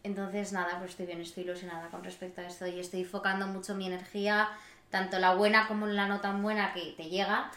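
A woman's voice: medium pitch, flat delivery, quick pace, a bit bright. A woman co-hosting a podcast, hesitant and bashful, laughing easily. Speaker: podcast co-host. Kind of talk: casual podcast chat. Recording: echoey room.

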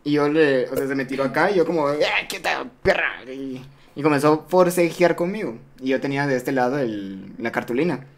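A man's voice: mid-range voice, fairly quick. A young man telling crude school stories in a casual chat, acting out the voices of the people in them. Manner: crude, animated, acts out quoted voices.

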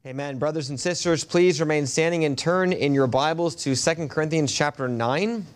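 A male pastor preaching a sermon at a pulpit microphone in a church. He reads scripture in a measured way and often halts with fillers when he speaks freely. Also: on the high side, faint music behind. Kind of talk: sermon with scripture reading and prayer. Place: church sanctuary.

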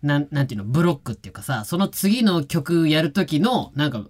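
A man, a rock band member, telling tour stories in casual radio chat. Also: fairly high pitch. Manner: storytelling, animated, quick asides.

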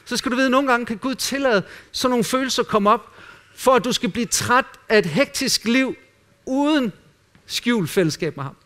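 A man preaching a sermon in an earnest way, dropping at times to quiet, intimate asides. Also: very high-pitched, expressive. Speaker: pastor.

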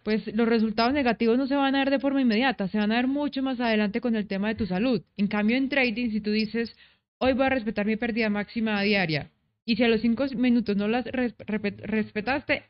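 A woman's voice: a little high, steady tone, fairly quick, hardly any pauses, dull audio. A woman, a trader talking over her experiences in a casual chat. She is reflective and explains her points with everyday examples. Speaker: trader guest.

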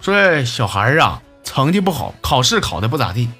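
A man's voice: medium pitch, sing-song, moderate pace, over music. A man hosting a comedy show, reading listener messages aloud and joking with laughs at his own punchlines. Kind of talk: comic radio-style monologue.

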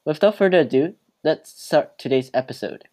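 A man's voice: fairly high pitch, expressive, normal speed, a little mellow. A man from Hong Kong hosting a podcast, asking questions in a curious, casual way with "like" and "maybe" sprinkled in. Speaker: podcast host.

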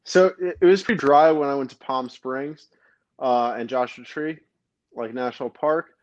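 A man's voice: medium pitch, normal speed, no echo. Man from Brooklyn, dull dry lo-fi sound. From Brooklyn, New York. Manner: rambling, many fillers and restarts. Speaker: podcast host. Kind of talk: casual chat.

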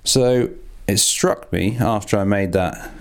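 A low-voiced man with a gravelly, crackly edge, talking in a loose, rambling way. He pokes fun at himself and swears casually as he works through a task, like a podcast host chatting to his listeners. He speaks from a small, echoey home darkroom. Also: slow. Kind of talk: casual hands-on monologue.

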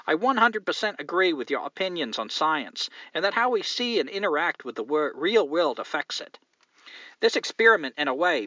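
A man's voice: on the high side, pushed and bright, no room sound, muffled recording, full character voice. A man voicing a woman listener from New Zealand in a put-on mock Australian accent, reading her letter aloud.

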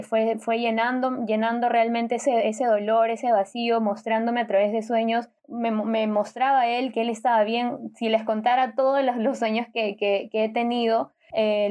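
A woman's voice: a little high, darkish tone. A woman telling a personal faith story, hesitant and repeating her words. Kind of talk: emotional faith testimony.

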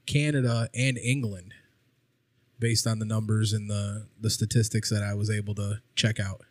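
A man's voice: on the low side, level tone, normal speed, a little mellow, dry recording. A man co-hosting a podcast, chatting casually over drinks and swearing freely. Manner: laid-back, swears freely. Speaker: podcast co-host.

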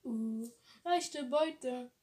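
A woman's voice: high voice, very slow, darkish tone. A teenage girl chatting casually into a phone on a tripod, using crude teasing slang, giggling and sometimes dropping into whispers. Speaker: vlogger. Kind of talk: casual chat.

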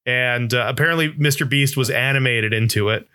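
A man's voice: medium pitch, fairly quick, bright, forceful tone, clear, resonant tone. A man co-hosting a podcast, chatting casually and enthusiastically, rambling a little with restarts. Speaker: podcast co-host. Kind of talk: casual chat.

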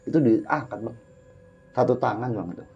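Guy telling a spooky family story, keeps saying bang, kinda husky, muffled audio. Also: medium pitch, normal speed, mellow. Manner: keeps addressing the host as "Bang", vivid and dramatic. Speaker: guest telling a personal story. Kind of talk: casual storytelling to a podcast host. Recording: dull lo-fi sound with faint background music.

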